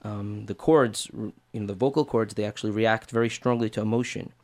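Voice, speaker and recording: A man who teaches voice, speaking in a lowish register with very little rise and fall. He answers interview questions earnestly, laying out his method step by step. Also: fairly even intonation, fairly quick, a little mellow.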